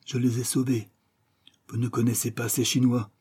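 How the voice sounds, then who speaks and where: A man voicing an old male professor who speaks gravely, his words breaking up. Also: medium pitch, flat delivery, mellow, voice pushed up. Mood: urgent. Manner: halting, words broken up.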